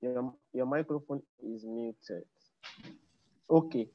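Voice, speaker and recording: Male moderator for an online meeting, formal and hesitant, medium pitch, dry and slightly dull call sound. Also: slow pace, dry recording. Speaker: webinar host. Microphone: video call.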